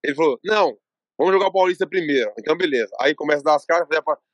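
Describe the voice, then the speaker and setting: A man's voice: on the high side, rapid-fire, no echo. A man from Brazil, a fighter guest on a podcast, telling a rambling anecdote and acting out what each person said. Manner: rambling storytelling, acts out quoted dialogue. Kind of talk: casual interview chat.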